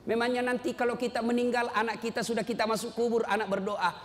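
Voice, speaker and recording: High-voiced preacher in a reverberant hall. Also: male voice, quick pace. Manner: animated, joking, direct questions to the audience. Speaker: Islamic preacher. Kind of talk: lively sermon with storytelling and jokes. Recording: reverberant hall with faint ambient noise.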